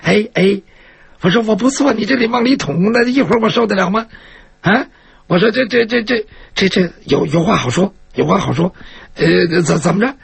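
A man's voice: high voice, a little fast, gravelly, breathy edge, heavily acted. A man storyteller voicing a cowardly young bandit who stammers and pleads with a sword at his belly. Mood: pleading.

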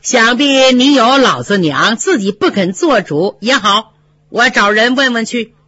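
A storyteller doing an anxious older noblewoman who coaxes and presses impatiently, in a lively voice that swings in pitch. The voice is slightly husky and dry, on a dull, lo-fi recording. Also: a little slow, no room sound, exaggerated voice. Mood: coaxing. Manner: coaxing, impatient.

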